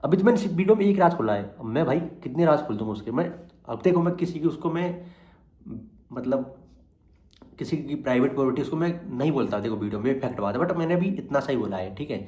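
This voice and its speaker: A man's voice: mid-range voice, lively intonation, fast talker, dark tone, echoey room. A young man talking casually to camera, rambling with many fillers, moving from angry warnings to tired chatter. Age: young adult. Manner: rambling, full of fillers, angry threats turning to tired chat. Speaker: exam student vlogger. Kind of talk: casual vlog monologue.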